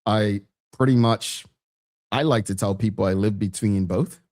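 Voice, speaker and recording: A man with a heavy Bermudian accent hosts a talk show, chatting with his audience, asking them questions directly, and reading out comments. His voice is lowish and darkish in tone, and he speaks at a measured pace.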